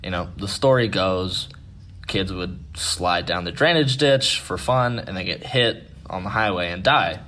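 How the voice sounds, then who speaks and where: A man's voice: low-pitched, a little slow, sharp tone. A man telling a ghost story in a laid-back, casual way, swearing freely and poking fun at himself.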